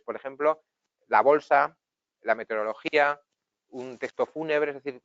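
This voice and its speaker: A man's voice: a little high, fairly bright tone, clean tone, no echo. A man with a Spanish accent from Spain, teaching public speaking in a webinar and explaining exercises in a conversational way. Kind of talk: webinar lesson. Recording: dull, dry recording.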